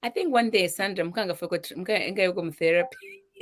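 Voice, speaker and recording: A woman's voice: fairly low pitch, quick pace. Zambian woman telling a personal story. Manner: emotional, animated storytelling with voiced quotes. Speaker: guest, charity founder.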